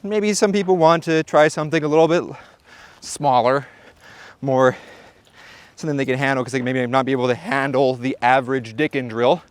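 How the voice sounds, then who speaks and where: A man's voice: mid-range voice, normal speed, clear, resonant tone, no echo. Playful man with a dry close sound. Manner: playful, jokey, talks to the viewer. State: out of breath at times. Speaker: shooting channel host. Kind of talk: casual vlog narration at the range. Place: outdoor shooting range.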